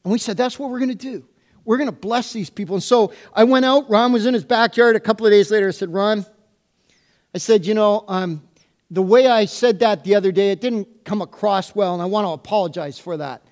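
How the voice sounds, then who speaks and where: A middle-aged man, a pastor, preaching a sermon and telling a personal story, acting out the dialogue with lively delivery. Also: sits high, a little fast.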